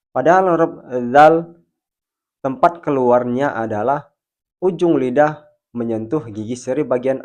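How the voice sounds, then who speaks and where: Man, recitation teacher; slow, careful lesson delivery with stretched-out example sounds. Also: mid-range voice, a little mellow. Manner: slow, deliberate explaining with drawn-out demonstration sounds. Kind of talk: tajwid pronunciation lesson.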